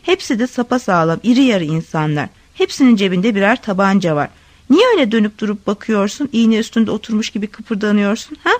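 A woman's voice: medium pitch, lively intonation, a little fast, no echo, natural voice. A woman voicing a timid, cowardly male official in a read-aloud story, who blusters and then pleads. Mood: blustering.

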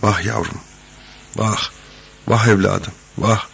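A man's voice: fairly low pitch, fairly even intonation, a little fast, a little hiss or hum, lightly acted. A man voicing a kindly male foreman, pleading urgently and soothing a child in a storybook reading. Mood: tender.

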